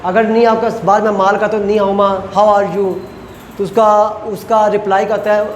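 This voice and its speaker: A man with a very high voice teaches a class, walking through each rule and slowly repeating the example phrases. He is recorded in a reverberant lecture hall with a long echo tail and faint background noise. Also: little pitch movement.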